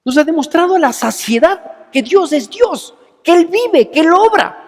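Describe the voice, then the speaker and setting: Animated high-voiced male pastor preaching. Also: normal speed. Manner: animated, rhetorical questions, acts out dialogue. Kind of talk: sermon. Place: church hall. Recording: long church hall reverb.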